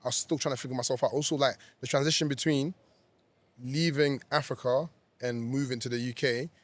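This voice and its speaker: A young man from Zambia, chatting as an interview guest and laughing often. His voice sits at an ordinary middle pitch, and the recording is dry and close. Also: fairly even intonation, brisk, dry recording. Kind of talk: casual interview chat.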